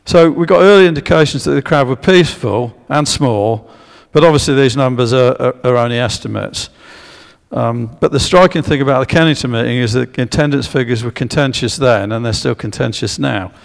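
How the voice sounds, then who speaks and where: In a church, a man delivers a public history talk with slides, speaking a little fast in a creaky, medium-pitched voice. He hesitates often, filling gaps and restarting sentences while inviting the audience to guess. The hall's long echo hangs on his words.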